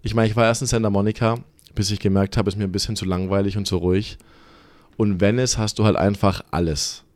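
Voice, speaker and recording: A man in his thirties from southwest Germany, a podcast guest chatting casually and telling lively stories with English words mixed in. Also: fairly low pitch, quick pace, dry recording. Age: 30s. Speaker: podcast guest, gym staffer. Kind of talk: casual chat.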